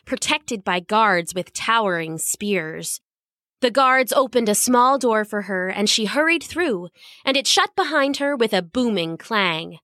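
A woman narrating a children's storybook in an expressive, lively reading. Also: fairly high pitch, no room sound, studio quality.

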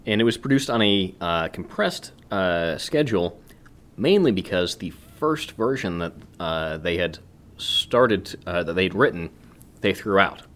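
Low, lively man co-hosting a podcast. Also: a little slow. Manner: lively, playful, with frequent ums and asides. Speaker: podcast co-host. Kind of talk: casual chat.

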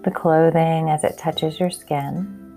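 A woman hosting a podcast leads a calm grounding exercise in a gentle, unhurried, instructional manner. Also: low voice, creaky, soft background music. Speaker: podcast host and mindfulness guide.

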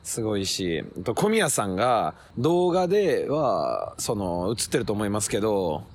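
A comedian chatting casually with a friend, roughly and loosely, often acting out other people's lines in a loud, high voice. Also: male voice, sing-song, a little slow. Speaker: comedian podcast host. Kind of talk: casual chat recorded outdoors. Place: city park at night.

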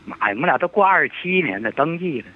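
A man's voice: a little high, lively intonation, racing. A man of seventy calling in to an advice show, hesitant and troubled as he talks. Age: 70s. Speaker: caller. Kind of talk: phone-in call. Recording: tinny phone line.

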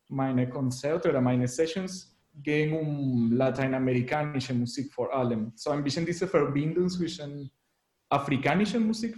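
A Venezuelan musician and graphic designer answers an interview casually in a Venezuelan Spanish accent, searching for words in a non-native language. His voice is slightly high and a little mellow, with reverb.

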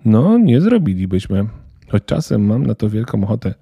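A man's voice: on the low side, big pitch swings, normal speed, creaky, warm tone, husky, dry recording, studio quality, full character voice. A man voicing a small, fussy male Christmas elf who talks in a flustered, indignant, stern way.

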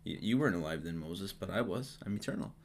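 A man co-hosting a podcast, casually teaching Bible stories with jokes and quick acted-out quotes. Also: low voice, a little hiss or hum. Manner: relaxed, joking, acts out quotes. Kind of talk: casual Bible study chat.

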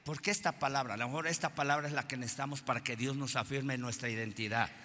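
A man preaching a sermon as pastor, swinging between fervent shouted peaks and quieter conversational asides. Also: medium pitch, steady tone, quick pace. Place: church hall. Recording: reverberant church hall.

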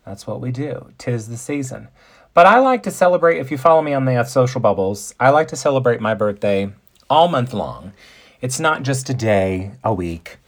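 A podcast host in his forties with a medium-pitched, animated voice chats at normal speed from his makeup table. His casual monologue is bubbly and campy, sprinkled with playful pet names.

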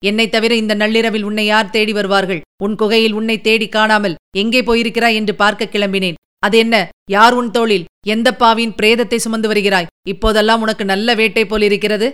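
A woman's voice: mid-range voice, little pitch movement, fairly quick, a bit bright, smooth, close to an everyday voice. A woman voicing a scheming older male Buddhist monk, sharply questioning in a storybook reading. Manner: questioning, then wailing in grief.

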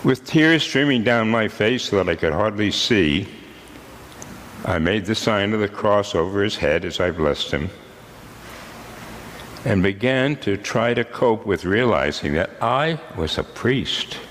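Old guy in his 80s preaching a sermon, lowish voice, slow solemn pauses, long church echo. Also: lively intonation, fairly bright tone, slight background noise. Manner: measured, solemn delivery with deliberate pauses. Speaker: priest.

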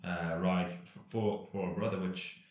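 A man in his thirties talks casually as an interview guest, loose and rambling, often restarting his sentences. His voice sits very low and barely moves in pitch. The sound carries a heavy room echo. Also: measured pace. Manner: relaxed, rambling, many fillers and restarts. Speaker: professional cyclist guest.

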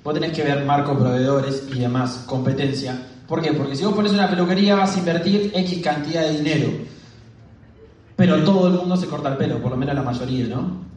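Man, Argentine accent, fast-talking, seminar speaker, high voice, booming echo. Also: a little mellow, recorded from a distance. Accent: Argentine Spanish. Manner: talks fast. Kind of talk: storytelling business talk to an audience. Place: hall with an audience.

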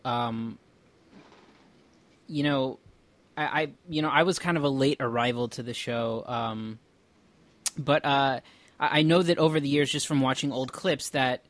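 A man's voice: mid-range voice, a little slow, fairly bright tone. A male podcast host asking a long, hesitant question full of fillers. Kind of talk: interview questions.

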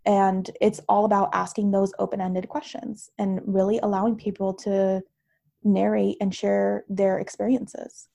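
Her medium-pitched voice is mellow, with vocal fry and a flat, unhurried delivery. This woman, a counselor and university professor, explains at length in a considered, teacherly manner during a casual podcast conversation.

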